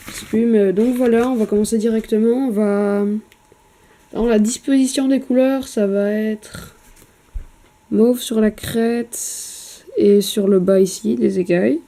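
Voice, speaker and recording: Woman painting minis at home, deep mellow voice, lots of umms, swears a bit, camera mic. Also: steady tone, measured pace. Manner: hesitant, many fillers, chatty, swears casually. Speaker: miniature painter. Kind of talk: casual painting vlog.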